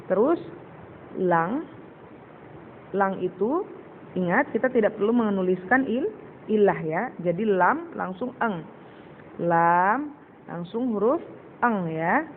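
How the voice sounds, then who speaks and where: A woman teacher giving a patient recorded lesson to children, slowly sounding out syllables and repeating words. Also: mid-range voice. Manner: addresses pupils as "Nak". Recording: tinny phone-like recording with faint hiss.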